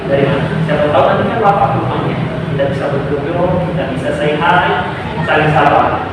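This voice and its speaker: A male school counselor leading a group counseling session, patiently explaining and checking that everyone understands. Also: a little high. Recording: echoey room from far off, noisy.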